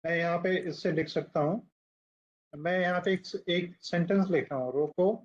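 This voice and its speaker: A male teacher giving a classroom lecture who explains points slowly, writes on the board and puts questions to the class. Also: high-pitched, fairly even intonation. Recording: dull lo-fi classroom recording.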